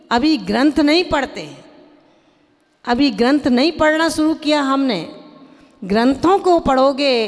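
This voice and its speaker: Woman preacher, fairly high voice, slow deliberate sermon delivery, chants verses and chides listeners, long hall reverb. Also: darkish tone. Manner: questions and chides the audience directly. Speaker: Jain nun preacher.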